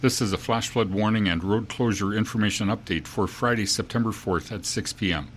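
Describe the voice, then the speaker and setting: A man reading a scripted emergency bulletin in the grave, measured, official manner of a civil defense broadcast. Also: fairly low pitch, slight background noise.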